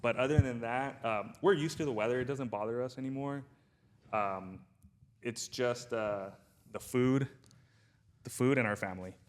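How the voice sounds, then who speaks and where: A man's voice: medium pitch, moderate pace, slight background noise. Laid-back Southern Californian man, rambling. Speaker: podcast guest, brand founder. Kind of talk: casual podcast chat.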